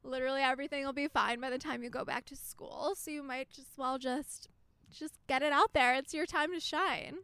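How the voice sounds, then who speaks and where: A young woman with a high, bright-pitched voice, recorded close with no room sound. She gives upbeat advice in casual podcast chat, stressing her points with "literally" and "like". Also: fairly even intonation, fairly quick, no echo. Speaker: podcast co-host.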